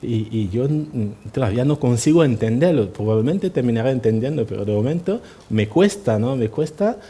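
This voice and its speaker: A man's voice: mid-range voice, lively intonation, normal speed, dark tone, breathy edge. A man speaking at a party assembly, telling anecdotes in a hesitant way, with many tag questions and restarts. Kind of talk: anecdotal public speech. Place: assembly hall.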